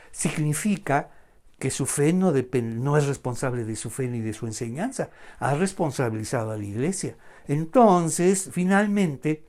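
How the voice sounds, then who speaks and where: Preacher, online sermon, dramatic swings from loud to whispered, rhetorical questions. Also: medium pitch.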